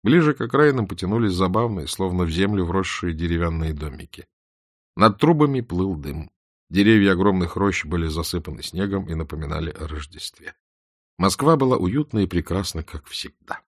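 A man calmly narrating an audiobook in a measured way. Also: deep voice, no room sound, clean studio sound. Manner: calm, measured. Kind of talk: scripted narration.

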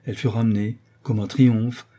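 A man narrating a classic novel in a measured storytelling manner. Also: lowish voice, fairly even intonation, mellow. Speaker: audiobook narrator.

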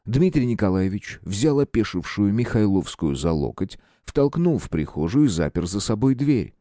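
A man reading an audiobook with expressive, measured narration. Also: on the low side, dry recording, studio quality. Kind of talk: scripted narration.

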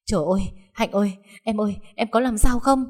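A woman voicing a hot-tempered peasant woman, an older sister who shouts coarse threats. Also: medium pitch, animated, a little fast, lightly acted. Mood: panicked.

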